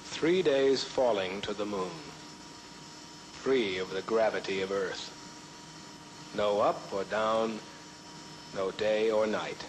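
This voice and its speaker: Male narrator, fairly low voice, measured scripted documentary read with clear background noise.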